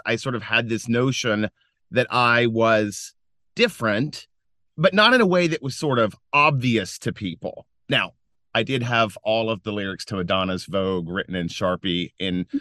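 Bright-voiced American man, dry closet sound. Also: medium pitch, measured pace, no room sound. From Western North Carolina, United States. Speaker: podcast guest, social impact entrepreneur. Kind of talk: casual interview chat.

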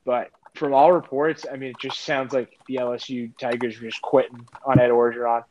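A man's voice: mid-range voice, flat delivery, a little fast, a little mellow. A man co-hosting a podcast in casual sports chat, hesitant, with many restarts and fillers. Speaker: podcast co-host. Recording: dull lo-fi sound, faint noise.

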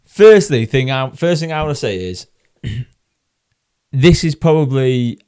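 A man's voice: mid-range voice, expressive, slow, darkish tone, clear, resonant tone. A man with a Mancunian accent co-hosting a golf podcast in casual, blokey chat, emphatic and repeating his phrases. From Manchester area, England.

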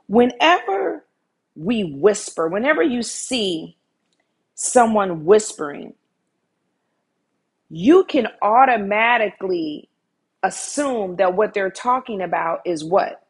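Female preacher, breathy timbre, earnest sermon delivery with repeated emphasis. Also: mid-range voice, animated, takes it slowly, long pauses.

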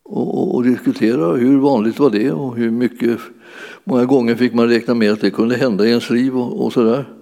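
A man's voice: mid-range voice, steady tone, creaky, dark tone. A preacher man in a reverberant church hall. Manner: conversational, searching for words with many fillers. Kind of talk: sermon.

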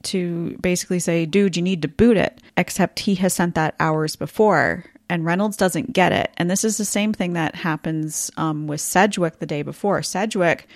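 A woman's voice: fairly low pitch, normal speed, few pauses, no room sound, clean studio sound. A woman co-hosting a casual history podcast, chatty and self-deprecating, laughing easily. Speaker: podcast co-host.

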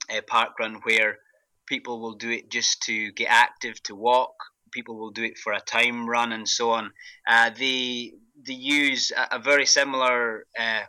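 A man with a thick, broad Scottish accent giving casual, halting interview answers, often repeating words as he goes. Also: mid-range voice, sharp tone, no room sound, rough recording. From Glasgow, Scotland. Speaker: interview guest, parkrun event organiser.

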